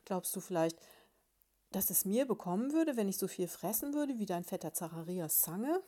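A woman's voice: mid-range voice, animated, moderate pace, warm tone, natural voice. A woman voicing a fussy, nagging female beetle who keeps asking her husband questions.

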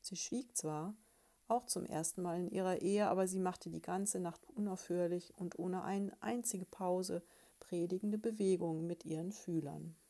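A woman reading a children's story aloud in a calm, gentle, soft-spoken way, speaking to young listeners. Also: fairly low pitch, moderate pace.

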